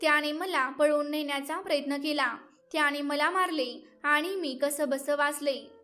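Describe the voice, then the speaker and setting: A woman's voice: high voice, moderate pace, sharp tone. A woman voicing a wronged young village woman who pleads to be believed, in a plain storybook reading. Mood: pleading.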